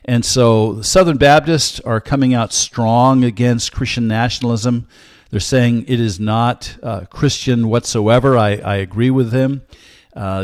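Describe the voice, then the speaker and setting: Older man hosting a show, earnest teaching tone, steady measured delivery with pauses, dry close mic. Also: mid-range voice, no echo. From United States. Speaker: host, Bible teacher. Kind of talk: teaching monologue with personal story.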